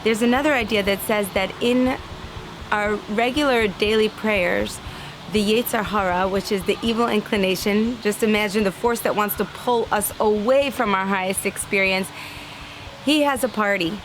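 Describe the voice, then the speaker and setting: Speaking at a normal speed in a medium pitch over a noisy background, an earnest woman delivers an inspirational religious message. She gets animated, voices her inner thoughts as characters, and gives a light laugh from time to time.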